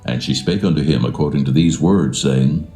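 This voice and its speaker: A man's voice: very deep voice, moderate pace, warm tone, echoey room. A man narrating scripture from a script in a solemn style.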